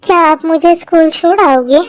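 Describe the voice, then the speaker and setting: A woman's voice: very high voice, moderate pace, no echo. A woman voicing a timid teenage schoolgirl in a Hindi fan-dub drama, pleading and easily brought to tears. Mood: earnest.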